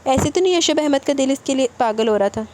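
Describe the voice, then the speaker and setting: A woman narrates a romance novel aloud, telling the story with expressive storytelling. Her voice sits on the higher side. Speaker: novel reader.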